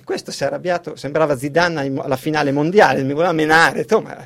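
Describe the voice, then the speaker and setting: Animated gravelly radio host, man. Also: fairly high pitch, very fast. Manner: animated, laughs often, restarts mid-sentence. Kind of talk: casual studio chat. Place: radio studio.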